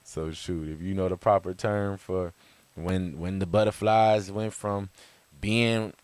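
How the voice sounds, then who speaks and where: Low-voiced man giving a rambling pep talk. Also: slow pace, smooth, no room sound. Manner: animated, swinging from loud high bursts to soft low murmurs; rambling, with restarts and chuckles. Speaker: vlogger. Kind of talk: casual motivational monologue.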